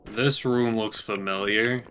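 A man's voice: lowish voice, steady tone, slow pace, noisy background. A man chatting casually with a friend while playing a game, teasing and bantering. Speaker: gamer. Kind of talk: casual gaming chat.

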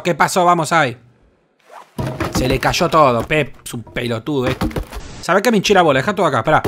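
A young man with a Rioplatense Spanish accent and a fairly high-pitched voice hosts a gaming session. He comments on his own gameplay excitedly and crudely, swearing a lot.

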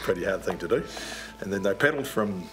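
A man slowly and gently telling a family story to a child. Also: sits low, expressive. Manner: slow, gentle storytelling with fillers. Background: background music.

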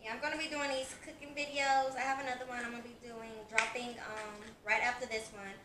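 In this casual cooking vlog, a young woman chats to her audience while cooking at home. She speaks a little fast, in a slightly high voice with a level tone. A fixed camera across the kitchen picks her up from afar, so the sound is echoey and noisy.

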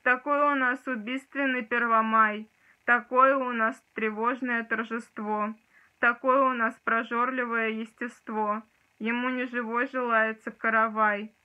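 A young woman dramatically declaiming poetry from a book in a forceful, rhythmic way, recorded indoors on a nearby phone or camera. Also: a little high, flat delivery, measured pace. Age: young adult. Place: small room indoors. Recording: dull, lo-fi sound.

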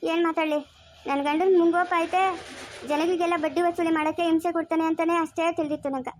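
A woman's voice: very high-pitched, steady tone, fast talker, a little hiss or hum. A woman voicing a betrayed middle-aged wife and mother who speaks in a curt, bitter, scolding way. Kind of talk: amateur family drama acting.

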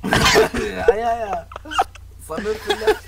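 A man's voice: very high voice, wildly swooping pitch, takes it slowly, heavy background noise. A man in an online role-play game, playful and giggly in casual voice chat.

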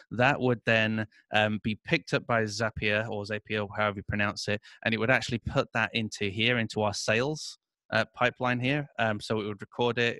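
A man explaining a software setup during an interview, walking through his screen in a relaxed, filler-heavy way. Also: fairly low pitch, no room sound. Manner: explanatory, many fillers and "et cetera". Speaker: interview guest, agency owner. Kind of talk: casual screen-share walkthrough.

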